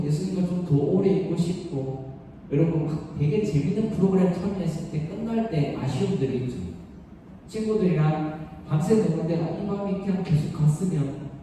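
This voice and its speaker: A little high and mellow, this man's voice carries a conversational sermon for young people, slangy and blunt, peppered with rhetorical questions and acted-out quotes. The recording comes from a distant mic in an echoey hall, with faint noise.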